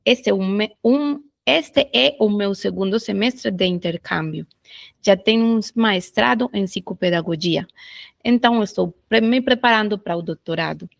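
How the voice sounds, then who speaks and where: A Colombian woman, Spanish her first language, asks questions in careful, halting Portuguese. Her voice has a creaky edge and sounds dry and close. She stops often to fix her words. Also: mid-range voice, no room sound. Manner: halting, self-correcting in a second language. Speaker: exchange student asking questions.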